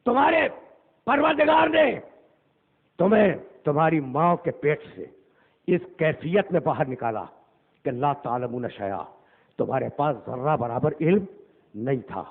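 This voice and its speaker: Male cleric, sermon delivery with loud declaiming and low murmurs; high, raspy voice on a lo-fi recording. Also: expressive, long pauses. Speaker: Shia cleric delivering a majlis. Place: imambargah hall. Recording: tinny phone-like lo-fi recording.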